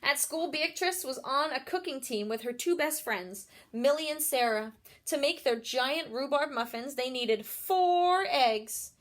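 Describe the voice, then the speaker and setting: Female storyteller, high voice, expressive children's read-aloud with explanatory asides. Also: measured pace. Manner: expressive, explains feelings and puts questions to children. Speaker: storyteller reading a picture book to children.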